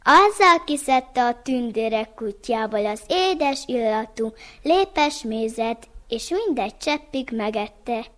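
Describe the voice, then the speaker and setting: A woman reading a folk tale aloud in an even, careful storytelling manner. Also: fairly high pitch, faint music behind.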